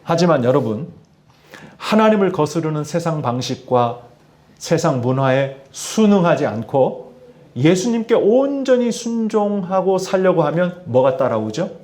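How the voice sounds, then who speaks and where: Lively-voiced male pastor preaching. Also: on the high side, a little slow. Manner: addresses congregation with questions, lively emphasis. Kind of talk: sermon. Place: church in Tianjin, China.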